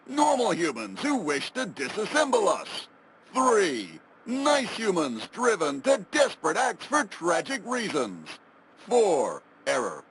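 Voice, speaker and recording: An actor voicing a malfunctioning male robot interface in a video game, glitching and stuttering through errors in a flat announcer cadence. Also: high voice, background noise, exaggerated voice. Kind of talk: video game character dialogue.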